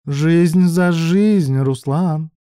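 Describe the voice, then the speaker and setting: A man voicing a cruel, scheming older woman who drags out her words with slow mockery. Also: on the high side, dark tone, clear, resonant tone, dry recording, studio quality, voice pushed up. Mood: menacing. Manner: slow mocking drawl. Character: scheming cruel older mother, female villain.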